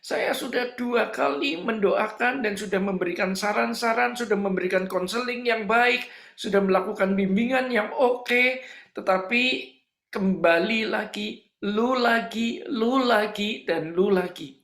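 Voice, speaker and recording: Gravelly-voiced pastor telling a story. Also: male voice, high voice, measured pace, fairly bright tone, roomy sound. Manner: emphatic, repeats phrases for effect. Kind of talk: sermon storytelling.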